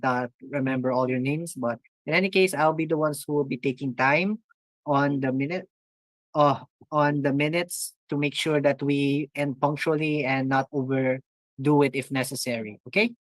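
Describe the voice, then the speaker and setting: Guy chairing an online debate, kinda halting, keeps restarting, dry close sound. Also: medium pitch, steady tone, fairly bright tone, no echo. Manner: halting, restarts his sentences. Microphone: video call.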